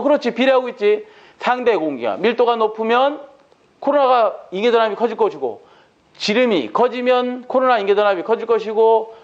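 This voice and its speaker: High-voiced man quizzing through an exam lecture. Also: highs cut off. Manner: asks rhetorical questions and answers them himself.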